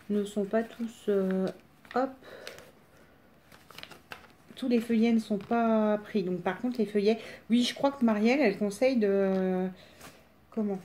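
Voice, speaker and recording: A woman with a smoker's rasp chatting casually through a craft demonstration in a rambling, self-deprecating way. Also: mid-range voice, warm tone, slight background noise. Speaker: craft tutorial presenter.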